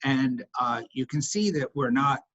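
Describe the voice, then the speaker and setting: A husky man with a medium-pitched, fairly bright voice answers questions as a company executive on an investor call. He speaks haltingly, repeating words for emphasis, over dull, lo-fi conference call audio.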